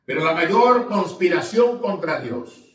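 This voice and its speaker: A man's voice: sits high, lively intonation, a little slow, a bit bright. A male pastor preaching a sermon, reading scripture and asking the congregation questions. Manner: preaching with call-and-response questions; reads scripture aloud with rising emphasis. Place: church sanctuary. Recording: echoey church, mic at a distance.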